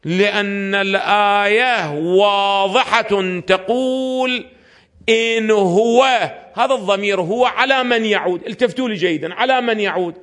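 High-voiced man lecturing. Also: unhurried, a bit bright. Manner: asks his listeners rhetorical questions and answers them himself. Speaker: religious scholar lecturing. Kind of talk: classroom lecture on legal theory.

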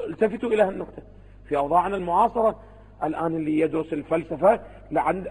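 Man, Iraqi Arabic accent, seminary lecture, rapid delivery, rhetorical questions, reverberant hall. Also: high-pitched, darkish tone, slightly rough. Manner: keeps asking rhetorical questions and answering them himself. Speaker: religious scholar teaching students.

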